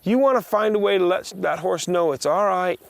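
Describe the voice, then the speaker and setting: A man teaching a riding lesson, giving brisk, projected commands in short directives along with plain, practical explanation. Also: high-pitched, vocal fry, no room sound. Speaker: horse riding instructor. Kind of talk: hands-on riding lesson, instructing a student.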